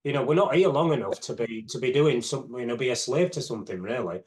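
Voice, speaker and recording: This is a man in his fifties, a fitness expert appearing as a guest in an interview. He speaks in a reflective, unhurried way and often drifts into "you know" as he thinks aloud. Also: medium pitch, a little mellow. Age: 50s. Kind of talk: casual interview chat.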